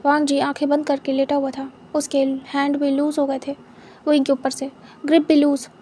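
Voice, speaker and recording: A young woman narrating a story in a soft, unhurried, intimate way. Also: sits high, completely flat delivery, a little hiss or hum. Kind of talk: story narration in Hindi with English words.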